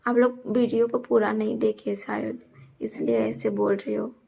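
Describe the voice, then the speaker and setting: Young vlogger girl, gravelly kinda flat voice, keeps explaining herself to viewers. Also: medium pitch, moderate pace. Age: young adult. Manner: earnest, defensive, repeats her points. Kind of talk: casual talk to camera.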